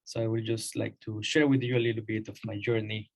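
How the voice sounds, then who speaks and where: Man in his thirties, from Colombia, low flat voice, hesitant, lots of fillers. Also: a little fast. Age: 30s. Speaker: guest speaker. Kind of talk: presentation.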